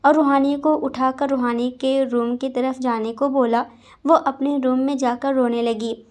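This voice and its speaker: A woman narrating a story in a steady, scripted reading voice. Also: high voice, a little slow. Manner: reads all roles in one steady voice.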